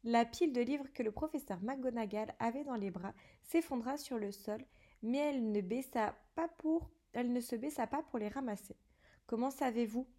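A woman's voice: fairly high pitch, normal speed, dark tone. A woman reading a novel aloud in an unpolished way, correcting herself as she goes. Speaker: reader.

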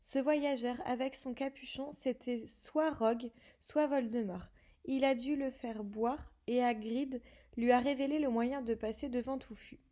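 A woman's voice: a little high, steady tone, unhurried, dark tone, lightly acted. A woman voicing an earnest young schoolboy wizard who presses his questions urgently.

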